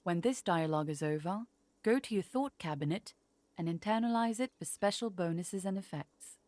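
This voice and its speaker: A woman voicing the neutral tutorial prompts of a video game, with clear, even instruction. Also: fairly low pitch, moderate pace, no echo, natural voice.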